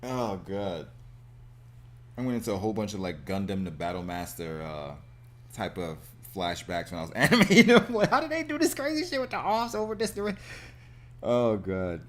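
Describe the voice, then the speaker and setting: An indie game developer and animator streams his work, chatting casually while drawing his game art, thinking aloud, muttering to himself, and exclaiming in a self-deprecating way. His voice is on the low side and fairly bright, with huge pitch swings at a normal speed.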